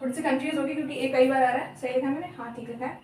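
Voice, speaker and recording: Young female tutor, high-pitched, chatty and apologetic, recorded off-mic in an echoey room. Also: fairly even intonation, a little mellow, recorded from a distance, slight background noise. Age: young adult. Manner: chatty, apologetic, repeats terms slowly. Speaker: biology teacher. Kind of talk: casual Hindi lecture with mnemonics.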